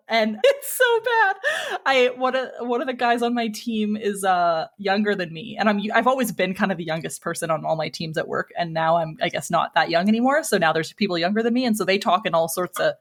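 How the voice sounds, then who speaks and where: A woman in her thirties hosting a podcast, chatting casually and self-deprecatingly in a group conversation. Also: mid-range voice. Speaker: podcast host.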